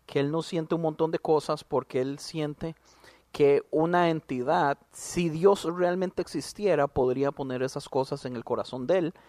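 A man's voice: on the high side, darkish tone, dry recording. A man co-hosting a casual podcast, opinionated and emphatic, dropping slang as he talks. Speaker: podcast co-host. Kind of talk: casual chat.

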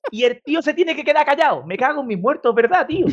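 A man chatting as a podcast guest, animated and joking, who swears freely. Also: very high voice, fast talker. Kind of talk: casual chat. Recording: dull lo-fi sound.

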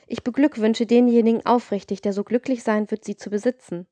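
A woman voicing a witty, corrupt, rich woman of about thirty who persuades smoothly, in an audiobook reading. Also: a little high, fairly even intonation, a little fast, dark tone, no room sound, close to an everyday voice. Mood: persuasive.

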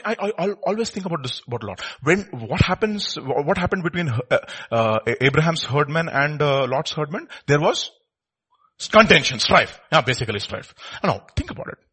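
A man's voice: a little high, pushed and bright, slightly rough. A man with an Indian accent preaching informally, repeating short phrases and putting rhetorical questions to his listeners.

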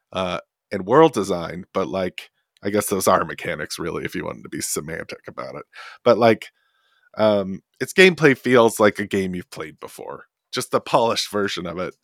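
A man's voice: lowish voice, fairly bright tone, no echo, studio quality. A man hosting a casual gaming podcast, rambling with many fillers. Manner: rambling, lots of fillers and likes. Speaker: podcast host. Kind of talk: casual chat. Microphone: desk podcast mic.

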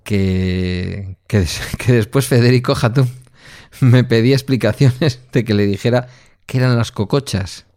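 A man from the Basque Country, Spain, co-hosts a podcast, reflectively telling personal stories in casual conversation. His voice is medium-pitched, a little slow and darkish, recorded clean in a studio with no echo.

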